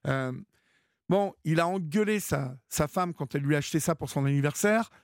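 A man's voice: a little high, fairly quick, no room sound, clean studio sound. A man hosting a late-night radio call-in show, giving advice with many hesitations and restarts. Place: radio studio.

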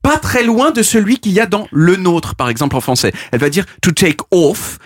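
A man's voice: high-pitched, fairly quick, no room sound. A man delivering a playful, mock-boastful explanatory radio chronicle in a studio. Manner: animated, mock-boastful, demonstrative. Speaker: radio columnist.

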